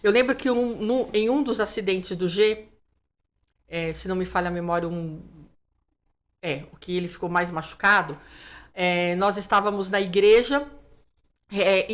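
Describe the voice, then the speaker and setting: A woman pastor, telling her testimony in a casual interview and acting out the dialogue. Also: medium pitch. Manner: lively storyteller who acts out dialogue, many "né" fillers. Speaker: pastor, guest.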